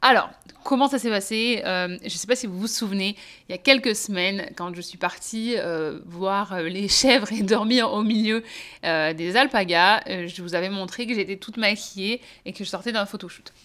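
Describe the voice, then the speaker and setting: A woman's voice: mid-range voice, normal speed, a bit bright. Chatty French woman vlogging. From France. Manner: chatty, many hesitations, laughs often. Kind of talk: casual vlog chat.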